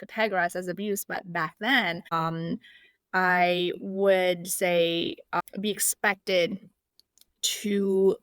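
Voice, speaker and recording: A woman's voice: on the low side, steady tone, takes it slowly, fairly bright tone, no echo. Hesitant woman from Indonesia, dry sound. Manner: hesitant, many fillers and restarts. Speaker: guest. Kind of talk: casual interview.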